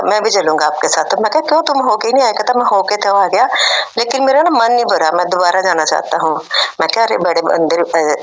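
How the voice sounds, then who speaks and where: A woman's voice: mid-range voice, low-quality recording. A middle-aged woman tells a devotional testimony in a conversational, emotional way, acting out family dialogue. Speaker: devotee sharing a satsang testimony.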